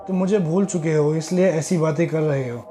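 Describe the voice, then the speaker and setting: A sorrowful young ghost woman , voiced by a male storyteller, speaks softly and pleadingly in a spoken horror tale. The voice sits fairly high yet sounds mellow and warm, with faint music underneath. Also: steady tone, a little fast, lightly acted. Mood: wistful.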